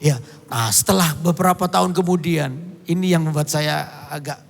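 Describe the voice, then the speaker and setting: High-voiced storytelling pastor man. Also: normal speed, vocal fry, long reverb tail, faint music behind. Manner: storytelling, bursts into song and shouts. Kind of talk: sermon.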